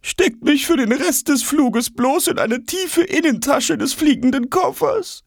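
A man's voice: extremely high pitch, expressive, unhurried, gravelly, no room sound, clean studio sound, pitched above the performer's own voice, full character voice. A man voicing a timid female plastic bag with a thin, fluttery voice in a children's audiobook. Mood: pleading. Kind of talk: audiobook role.

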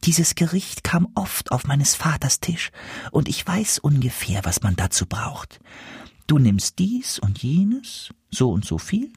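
Brief: man putting on a kindly goose, high, soft, breathy. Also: very animated, measured pace, no room sound, studio quality, heavily acted. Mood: soothing. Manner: gentle, confiding, partly whispered. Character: wise helpful female goose.

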